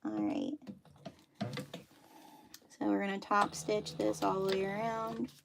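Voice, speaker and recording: Over music, the sewing livestream host talks in a slow, sing-song way, her mid-range voice touched with vocal fry. She has a Dutchy accent and keeps up chatty, self-deprecating commentary while sewing at home.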